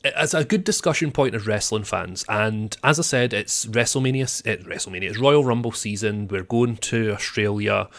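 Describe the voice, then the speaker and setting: A man with a fairly low voice, talking casually on a podcast. He rambles and restarts his sentences, easing into each point as he goes. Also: normal speed, few pauses, fairly bright tone. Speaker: podcast co-host.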